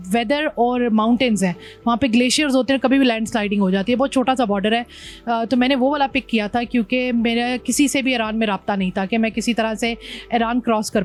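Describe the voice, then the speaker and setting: A woman from Pakistan, a motorbike traveller, telling her journey in an interview, mixing English words into her speech. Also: fairly high pitch. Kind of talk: interview conversation.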